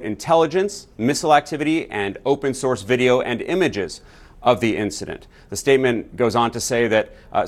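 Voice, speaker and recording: A man files a news report as a correspondent. He explains each point in a measured, clear way. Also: mid-range voice.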